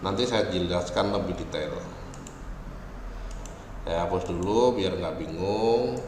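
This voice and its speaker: A man giving an online lecture on music software, explaining slowly and often ending phrases with a checking "ya". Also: low-pitched. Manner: explains slowly, with frequent "ya" tags. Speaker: university lecturer. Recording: echoey, reverberant room, faint ambient noise.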